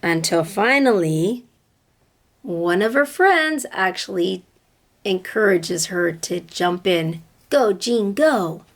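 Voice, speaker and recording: Speaking in a lowish voice, a teacher shares a picture book with children, reading it out expressively, phrasing things deliberately and asking questions to explain what happens.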